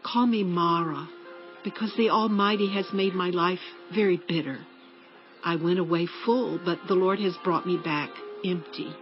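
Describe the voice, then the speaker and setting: A woman playing a grieving, bitter older widowed mother-in-law in a dramatized scripture reading, speaking with slow, sorrowful emphasis. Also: fairly low pitch, steady tone, natural voice. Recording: dull lo-fi audio with music bed.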